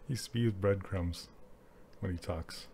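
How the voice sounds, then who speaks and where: A man's voice: sits low, takes it slowly, creaky, darkish tone, a little hiss or hum. Chatty man teaching 3D sculpting live. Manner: chatty, laughs often, answers chat while working. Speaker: 3D art instructor streaming live. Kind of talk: casual live-stream tutorial.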